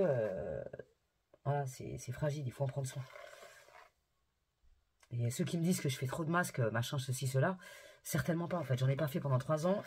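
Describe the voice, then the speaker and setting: A woman chatting casually to her viewers in a vlog about hair care and shopping, slangy and quick to rant. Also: low-pitched, dark tone, a little hiss or hum. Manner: addresses viewers directly. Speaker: beauty and haircare vlogger.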